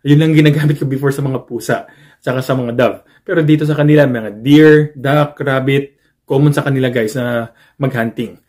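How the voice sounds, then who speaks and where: A man's voice: mid-range voice, steady tone, moderate pace, a little mellow. Chatty Filipino man in his thirties vlogging. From Philippines. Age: 30s. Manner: mixes Tagalog with English, addresses viewers as "guys" constantly. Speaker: nurse. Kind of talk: casual vlog talk to viewers.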